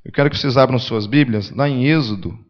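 A man preaching a lively sermon as a pastor, swinging between loud emphatic lines and quiet asides, with frequent tag questions. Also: fairly quick. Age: adult with a young son. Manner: conversational with frequent "né?" tags. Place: church meeting. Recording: dull low-fidelity sermon recording.

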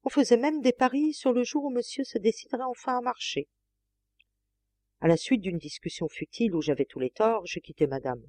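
A woman reading a first-person novel aloud as an audiobook, in a measured, expressive way. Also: on the high side, no echo. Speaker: audiobook reader.

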